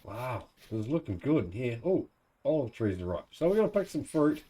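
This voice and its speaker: Mellow, laid-back New Zealand man. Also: mid-range voice, sing-song, moderate pace. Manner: laid-back, colloquial, thinking aloud. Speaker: gamer narrating own let's play. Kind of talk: casual gameplay commentary.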